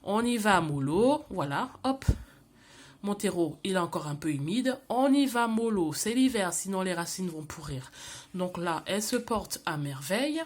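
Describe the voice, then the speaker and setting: A woman's voice: mid-range voice, normal speed. Chatty woman gushing over houseplants. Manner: chatty and animated, with gushing asides and mixed-in English phrases. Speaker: plant vlogger. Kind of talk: casual chat.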